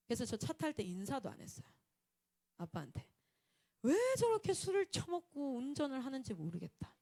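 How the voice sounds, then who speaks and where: A woman missionary, preaching a Sunday sermon and telling personal stories in a lively way. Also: high voice, no echo, clean studio sound. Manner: animated, acts out quotes and laughs often.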